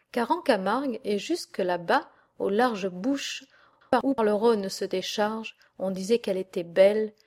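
A woman reading an epic verse tale aloud as an audiobook narrator, in a measured, lyrical manner. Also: mid-range voice, dark tone. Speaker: audiobook reader. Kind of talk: scripted narration of an epic poem.

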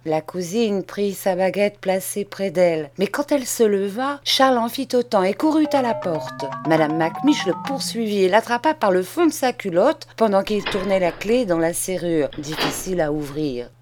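A woman's voice: medium pitch, lively intonation, normal speed, hardly any pauses, over music. Woman reading a storybook aloud. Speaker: audiobook reader. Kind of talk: reading a children's novel aloud.

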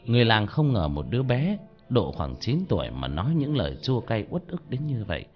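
A man narrating a dark ghost story about a cursed village in a dramatic storytelling manner. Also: fairly low pitch, huge pitch swings, brisk, highs cut off, soft background music.

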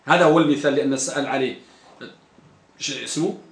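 A man's voice: a little high, fairly even intonation, fast talker, roomy sound. A man teaching a grammar lesson to a class, who asks his students questions and repeats the key terms.

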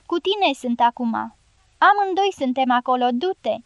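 Storybook role: a wounded, commanding soldier, voiced by a woman reader, high-pitched and dry. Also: animated, no echo, highs cut off. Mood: urgent. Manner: measured, firm commands. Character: American male dynamiter, wounded, calm and commanding.

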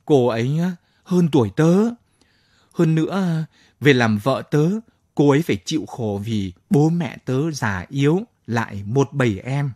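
A man voicing a young soldier who talks quietly and wistfully about his wife. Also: medium pitch, expressive, unhurried, no echo, studio quality.

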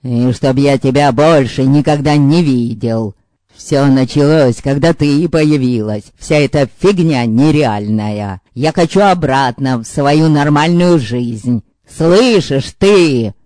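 A frightened, furious young man shouts and rails, voiced by a male narrator. His outbursts come slow and heavy. The storybook recording is dry and close. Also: mid-range voice, no echo, lightly acted. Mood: furious shouting. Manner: shouting, hysterical. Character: hysterical young man, angry and scared.

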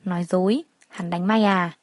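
A woman's voice: fairly low pitch, fairly even intonation, normal speed, darkish tone, no echo, lightly acted. Give me a blunt but caring young woman coworker who speaks to her friend with easy familiarity, voiced by a woman reading a storybook. She gets straight to the point, and the voice is dry and close. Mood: concerned.

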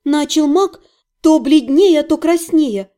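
A woman narrating a first-person fantasy audiobook in an expressive, lively reading. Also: high-pitched, slow.

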